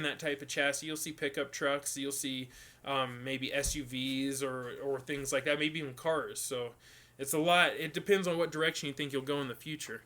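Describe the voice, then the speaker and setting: A man hosting a live stream, casually answering viewer questions with lots of ums and restarts. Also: medium pitch. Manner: relaxed, rambling, many ums and restarts.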